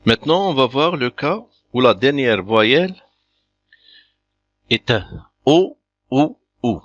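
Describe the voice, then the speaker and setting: Speaking slowly and in an animated way, a mid-range man teaches beginners a language, methodically repeating examples with patience. There's no room sound; the recording is dull, lo-fi and dry.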